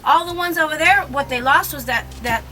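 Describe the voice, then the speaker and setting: A woman's voice: sits high, brisk, background noise. A woman tour guide speaking to a group in a chatty, explanatory way, often putting questions to her listeners. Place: outdoors on a moving tour buggy.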